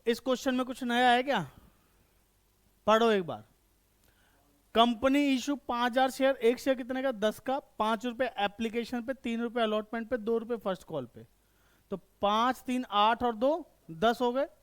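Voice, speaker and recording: A man with an extremely high, clean-toned voice speaks at normal speed while teaching accountancy online. He keeps asking the students questions, answers them himself, and repeatedly checks they've understood.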